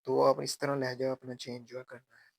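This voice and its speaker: A man teaching grammar step by step, repeating and slowly drawing out example phrases. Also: mid-range voice, monotone, creaky, dry recording. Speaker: language teacher.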